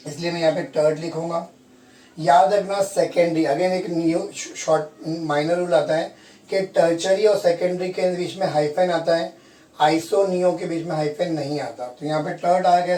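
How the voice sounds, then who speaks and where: A man's voice: a little high, mellow. A man teaching chemistry in Hindi-English mix, often quizzing his students and repeating key terms. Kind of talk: classroom lecture. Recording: echoey room, from far off.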